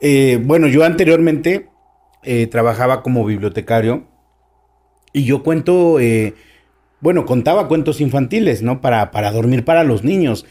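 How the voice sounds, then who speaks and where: A man's voice: medium pitch, lively intonation, normal speed, mellow. A man with a Mexican accent, a guest storyteller chatting on a podcast, shifting his tone and stressing words as he talks. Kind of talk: casual podcast conversation.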